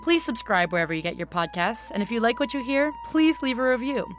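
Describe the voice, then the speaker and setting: A woman's voice: fairly high pitch, animated, fast talker. A woman announcer reading scripted end credits for an audio drama podcast. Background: faint music.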